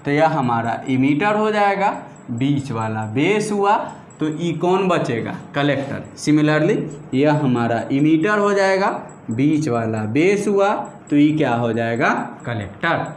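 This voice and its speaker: A man's voice: a little high, expressive, roomy sound, a little hiss or hum. A male teacher gives a classroom lecture, asking questions and answering them himself. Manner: drills terms slowly, stretching single words. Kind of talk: classroom lecture in mixed Hindi and English.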